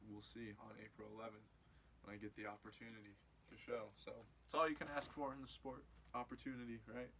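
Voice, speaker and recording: A man who competes in MMA, answering interview questions in a casual way, repeating himself and getting more animated when excited. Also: medium pitch, fast, hardly any pauses, slight background noise, low-quality recording. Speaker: MMA fighter.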